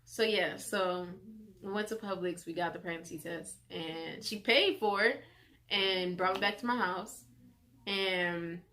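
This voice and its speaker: A woman's voice: lowish voice, a little slow, a little hiss or hum. A young adult woman vlogging, telling a personal story in a casual, chatty way with lots of "like" and restarts. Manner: animated retelling full of "like" and acted-out quotes.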